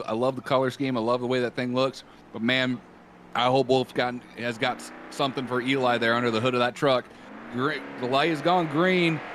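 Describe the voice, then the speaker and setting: A man's voice: medium pitch, noisy background. A man doing easygoing, joking play-by-play commentary from a booth at a motorsport event. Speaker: race commentator. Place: commentary booth at a fairground track.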